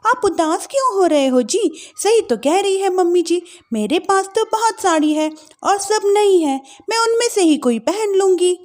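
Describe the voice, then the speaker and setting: A woman's voice: very high voice, lively intonation, unhurried, hardly any pauses, pitched above the performer's own voice. A woman voicing a young, hot-tempered daughter-in-law who talks back in a family drama story. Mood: soothing. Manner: indignant, sharp back-talk.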